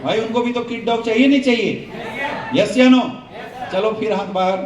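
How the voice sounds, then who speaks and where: A man's voice: very high-pitched, normal speed, muffled recording, crowd noise. A man leading a seminar training talk, firing call-and-response questions at the audience in a joking way. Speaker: network marketing trainer. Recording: roomy echo, voice from a distance, faint hum.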